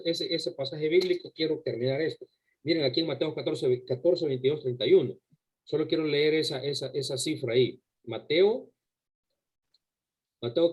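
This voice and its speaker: Before a church congregation, a man delivers a sermon packed with rhetorical questions, stressing his points and frequently repeating words. His voice is fairly high and husky, and the recording is rough.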